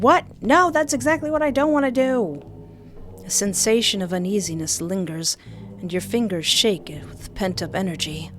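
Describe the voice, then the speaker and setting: In this let's-play clip, a woman with a medium-pitched voice streams a dating simulator game. She reads narration aloud in some moments and exclaims playfully in others, while game music runs underneath.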